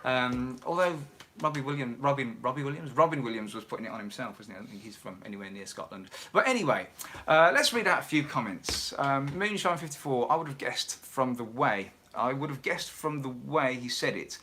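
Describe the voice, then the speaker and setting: A man's voice: mid-range voice, brisk, sharp tone, slight background noise. A man hosting a casual livestream from home, chatting and reading out viewer comments. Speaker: livestream host and musician.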